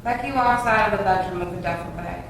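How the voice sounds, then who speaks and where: At a table read, a woman reads the stage directions as scripted narration at a quick pace in a lowish voice. The room is reverberant, the mic distant, and faint noise can be heard.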